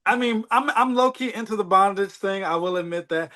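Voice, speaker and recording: A man in casual podcast chat with a voice a little higher than most men's. He recounts stories at length and softens his opinions with slangy, hedging asides. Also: a little fast, a loud crowd. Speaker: podcast co-host.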